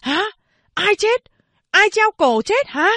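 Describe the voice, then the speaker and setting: A woman voicing a kind young female schoolteacher who speaks gently but firmly in an audiobook. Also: sits high, expressive, measured pace, no room sound, studio quality. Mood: alarmed. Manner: gentle, coaxing, polite.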